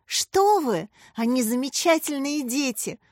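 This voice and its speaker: A woman voicing a kind young schoolteacher who talks gently with her pupils. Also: high-pitched, expressive, measured pace, no echo, clean studio sound, voice pushed up. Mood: gentle.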